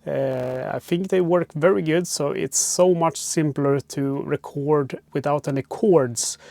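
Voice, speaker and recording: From Sweden, this man speaks with a Swedish accent in a slightly high, gravelly, darkish voice, taking his time. He hosts a board game channel and chats and rambles through a casual unboxing, full of "uh" fillers, on a wireless clip-on mic inside a cramped RV parked by a harbor, with no room sound.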